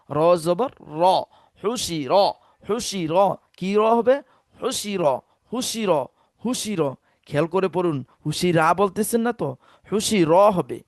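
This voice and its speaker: A man teaching Quran reading, drilling syllables slowly and asking listeners to repeat each one after him. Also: high-pitched, lively intonation, dry recording, clean studio sound. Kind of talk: Quran spelling lesson with repetition drills.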